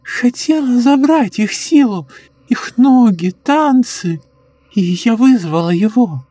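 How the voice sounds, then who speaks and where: A man voicing a sly, sinister old woman who speaks in a slow, eerily calm coo in a horror audiobook. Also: extremely high pitch, no room sound, pitched above the performer's own voice, exaggerated voice. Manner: slow cooing, sinister giggles.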